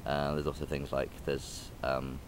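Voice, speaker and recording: In an unhurried, monotone and very deep voice, a young man vlogs from a park alongside a railway line, with background noise audible. He keeps a phone or camera close as he rambles casually, hesitating through plenty of ums and restarts.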